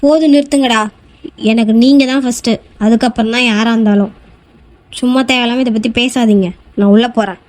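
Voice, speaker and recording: A man's voice: extremely high pitch, steady tone, a little fast, no room sound. A man voicing a stubborn young husband in a cartoon, curt and dismissive. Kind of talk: Tamil cartoon voice acting.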